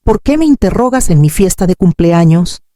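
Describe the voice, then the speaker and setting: A woman's voice: on the low side, expressive, normal speed, mellow, no room sound, studio quality, voice pushed up, close to an everyday voice. A woman voicing a proud grown daughter who answers in short, defensive phrases. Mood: tense, defensive. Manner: curt, defensive. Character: tense proud grown daughter hiding debts.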